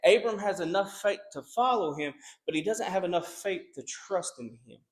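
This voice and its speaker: Earnest preaching man, slightly high voice. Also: animated, moderate pace. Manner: earnest preaching with repeated restarts. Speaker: pastor. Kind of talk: sermon.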